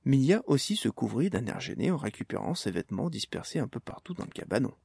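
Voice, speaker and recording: A man reading a storybook aloud, steady and measured. His voice carries a gravelly texture and sounds dry and close, with no room around it. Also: mid-range voice, no room sound. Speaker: narrator. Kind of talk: storybook narration.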